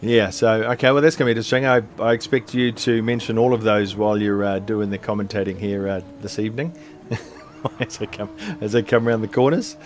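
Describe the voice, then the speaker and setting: A man's voice: on the low side, fairly even intonation, fairly quick, slight background noise. Chatty man, loose and rambling. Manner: loose and chatty, self-deprecating, many fillers. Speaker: co-host doing the visuals. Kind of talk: casual sim racing stream commentary.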